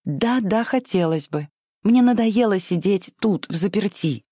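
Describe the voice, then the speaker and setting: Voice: medium pitch, expressive, a little slow, dark tone, no echo, studio quality, voice pushed up. A reader voicing a spoiled, willful young widow who pleads and flares up petulantly. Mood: whining. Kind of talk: audiobook reading.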